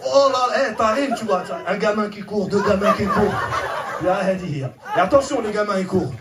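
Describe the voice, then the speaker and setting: High-voiced man doing stand-up far from the mic. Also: animated, normal speed, heavy background noise. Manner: chatty, acting out characters. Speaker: stand-up comedian. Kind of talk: stand-up storytelling. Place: comedy club stage. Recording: far-off mic, roomy hall with loud crowd. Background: audience laughter.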